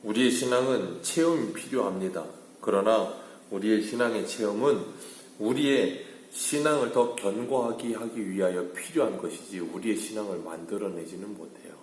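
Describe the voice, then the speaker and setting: A man, a pastor, preaching an early-morning sermon, often rising to emphatic peaks and then dropping low and quiet. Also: moderate pace, roomy sound, slight background noise. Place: church sanctuary.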